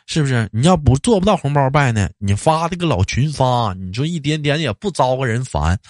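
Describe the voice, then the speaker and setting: Man, Northeastern Chinese accent, talk show host, casual comic banter, very animated swinging pitch, colloquial. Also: a little fast, no echo, clean studio sound. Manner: colloquial, animated, rhetorical questioning.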